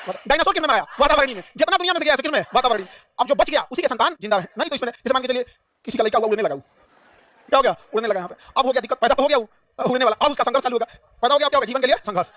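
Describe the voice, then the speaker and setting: A man's voice: extremely high pitch, pushed and bright, dry recording. A man teaching a classroom lecture, repeating key terms, asking questions and joking with students. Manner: repetitive, quizzing, humorous. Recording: dry, mic at a distance.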